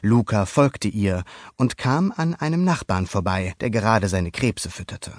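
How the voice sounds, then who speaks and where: A man's voice: fairly low pitch, a little slow, no room sound, studio quality. Man reading a children's story aloud. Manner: lively storybook narration. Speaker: narrator.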